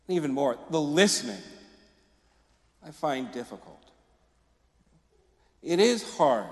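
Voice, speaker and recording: A man preaching a reflective, conversational sermon in plain, deliberate phrases, in a large reverberant church. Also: on the high side. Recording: echoey church with long reverb.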